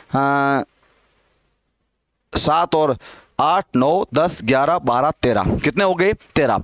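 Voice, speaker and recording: A man teaching a Hindi grammar lesson who asks his listeners questions, answers them himself, and repeats words slowly to model how they are said. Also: sits high, dry recording.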